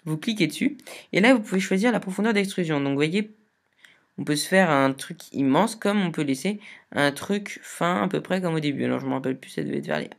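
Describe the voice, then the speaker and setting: A woman talking through a software tutorial in a casual, chatty way, explaining step by step and often hesitating. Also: low-pitched, animated, a little fast, gravelly. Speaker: video tutorial maker.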